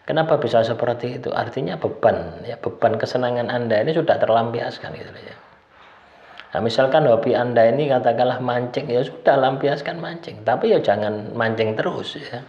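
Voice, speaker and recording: A man's voice: medium pitch, brisk. A man talking casually through a numbered list of tips, with the tag "ya" after almost every phrase. His voice sits in the middle range. It sounds roomy and a little dull, as if the recording were made in a bare room. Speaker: spiritual self-help speaker.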